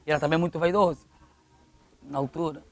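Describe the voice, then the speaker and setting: This middle-aged man, a local football official appearing as an interview guest, has a gravelly, fairly high voice with a steady tone and a fairly quick pace. He speaks with an Angolan accent, telling stories conversationally and repeating phrases for emphasis.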